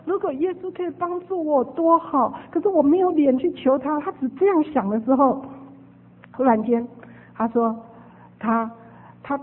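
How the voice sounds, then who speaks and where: A woman preacher telling a testimony as a storytelling sermon, animated and repeating her phrases. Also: fairly high pitch, breathy edge. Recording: phone-like radio broadcast with long reverb.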